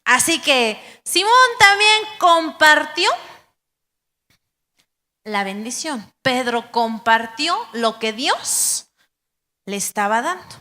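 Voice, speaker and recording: A woman pastor preaching a sermon, animated and acting out the voices of believers. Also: sits high, takes it slowly, pauses often. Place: church hall. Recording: live church stream with long hall reverb.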